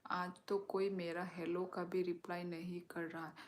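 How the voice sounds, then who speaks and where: A woman hosts a live stream and chats with her viewers in a loose, unhurried way. She reads their comments out and answers them, full of filler words. Her voice sits a little on the low side. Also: little pitch movement, slight background noise. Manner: chatty, with many filler words. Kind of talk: casual live-stream chat.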